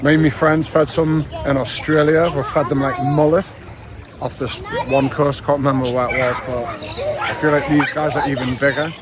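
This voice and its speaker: A young man with a Geordie accent, chatting excitedly through a casual travel vlog outdoors by the sea. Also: fairly high pitch, moderate pace, a loud crowd. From North East England. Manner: chatty, excitable, swears and laughs. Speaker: travel vlogger.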